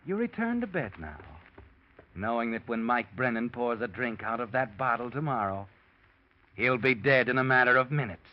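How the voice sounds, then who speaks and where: A man's voice: medium pitch, lively intonation, normal speed, background noise, natural voice. An actor playing a mysterious male narrator who addresses a murderer in the second person, in a 1940s radio drama. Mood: sinister. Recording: dull old radio recording. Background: radio drama music.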